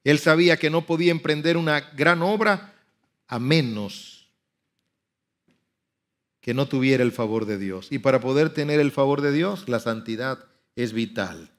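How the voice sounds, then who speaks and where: Speaking a little slowly and pausing often, a male pastor preaches, moving between quiet murmurs and loud, high-pitched outbursts while dramatically acting out biblical speech.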